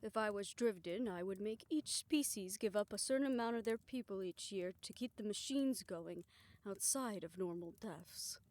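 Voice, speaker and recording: Voicing multiple characters in a scripted audio roleplay, this woman keeps things quiet and gentle, often slipping into a whisper. She speaks at a normal speed with a mid-range voice.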